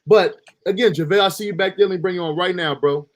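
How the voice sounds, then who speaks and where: A man's voice: high-pitched, quick pace. A man hosting a casual podcast chat, laid-back and encouraging, with plenty of fillers. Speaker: host.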